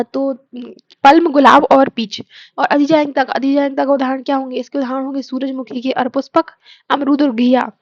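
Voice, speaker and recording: Brief: high, gravelly female teacher, hoarse with a cold, quizzes and answers herself, dull dry lo-fi audio. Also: dry recording. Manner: asks the class questions and answers them herself; slows down to chant mnemonic lines. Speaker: biology teacher. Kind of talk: exam-prep lesson with memory tricks.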